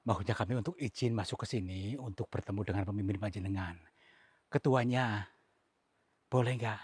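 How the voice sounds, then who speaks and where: A man from Central Java presents a staged ghost-hunting vlog outdoors. He talks in a hushed, coaxing way and often drops to a whisper. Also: on the low side, moderate pace, dry recording. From Cilacap, Central Java. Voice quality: very husky. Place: outdoors on an overgrown hillside.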